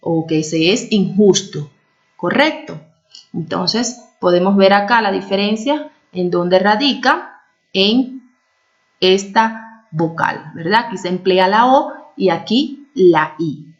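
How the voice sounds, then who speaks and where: A woman teacher walks through a recorded lesson in an explanatory tone. She often pauses to check that her students follow and slows down on key words. The audio is a little dull and lo-fi. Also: mid-range voice, animated. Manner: stretches out key words when stressing them. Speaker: primary school teacher.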